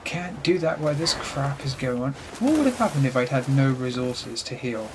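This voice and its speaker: A man's voice: mid-range voice, expressive, moderate pace, background noise. A frustrated man giving gameplay commentary at his computer, swearing constantly and talking to himself. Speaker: let's play gamer.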